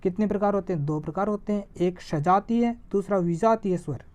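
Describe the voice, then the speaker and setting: A woman teaching an exam-prep grammar lesson. She asks a question and answers it herself, and she draws vowel sounds out slowly to show them. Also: medium pitch, darkish tone. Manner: stretches vowels slowly when demonstrating sounds.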